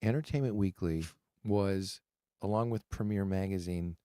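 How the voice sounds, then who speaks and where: A man in his forties, chatting loosely on a live stream, rambling with halting restarts and self-deprecating asides. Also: low-pitched, dark tone, smooth, no echo, clean studio sound. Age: 40s. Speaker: streamer host. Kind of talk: casual live-stream chat.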